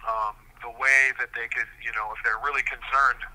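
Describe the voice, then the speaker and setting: A man speaking earnestly over a prison payphone call, measured and deliberate, with frequent hesitations. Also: mid-range voice, level tone, pushed and bright, rough recording. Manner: measured, deliberate, many fillers. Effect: prison payphone call line. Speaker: incarcerated man interviewed by phone. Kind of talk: earnest interview answers.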